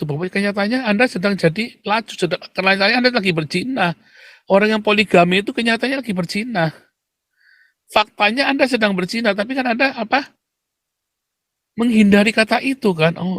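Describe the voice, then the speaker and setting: A man preaching to an audience in a provocative, confrontational way, firing questions at his listeners and answering them himself, with loud emphatic bursts and low mutters. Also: no echo, studio quality. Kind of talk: preaching monologue.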